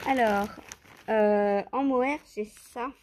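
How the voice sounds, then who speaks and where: This knitting vlogger draws out her words in a fairly high, somewhat mellow voice, with a little hiss or hum in the audio. Filming on a handheld phone at home among her yarn stash, she casually talks to viewers while choosing yarns, musing in a hesitant manner full of fillers and questions to herself.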